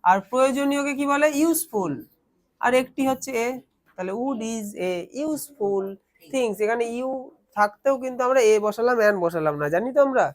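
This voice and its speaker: A man's voice: extremely high pitch, lively intonation, fairly quick. Questioning male teacher in class. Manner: questioning, explains step by step. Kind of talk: classroom grammar lesson.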